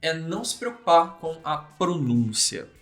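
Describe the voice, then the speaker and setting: A man with a Brazilian accent teaching English at a whiteboard in an energetic video lesson, talking in a lively, animated way. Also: fairly high pitch, a little slow. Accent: Brazilian Portuguese. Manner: lively, animated, voices mock student questions. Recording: echoey room with faint music.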